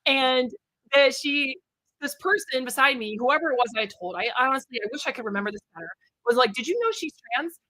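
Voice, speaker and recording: Young woman co-host, high bright voice, dry close sound, chatty storyteller. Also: a little fast, no echo, rough recording. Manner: chatty storyteller, many fillers, animated quotes. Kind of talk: casual chat.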